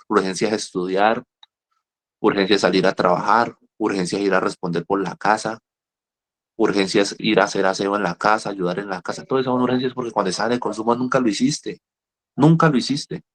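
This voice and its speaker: A middle-aged man counseling people in recovery in a lively talk. He tells stories, repeats himself and speaks straight to his listeners. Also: lowish voice, fairly quick. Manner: animated, repeats words, speaks directly to listeners. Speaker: rehab counselor. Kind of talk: motivational talk with storytelling.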